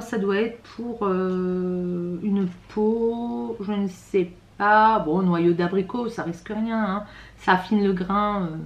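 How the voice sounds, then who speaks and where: A woman's voice: medium pitch, echoey room. A woman vlogger chatting casually through a beauty box unboxing, hesitant and full of fillers and restarts, with a slightly rattly voice. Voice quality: self-described rattly voice.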